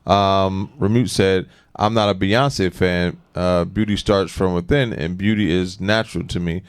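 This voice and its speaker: Smooth, deep-voiced male morning radio co-host. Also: steady tone, measured pace, no room sound. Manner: agreeable, interjects short affirmations. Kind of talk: casual morning radio talk.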